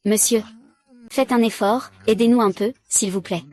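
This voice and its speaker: A woman voicing all the roles of a drama series in one even, unchanging reading voice. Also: on the high side, normal speed. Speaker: voice-over dubber. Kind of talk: single-voice dub of a drama series.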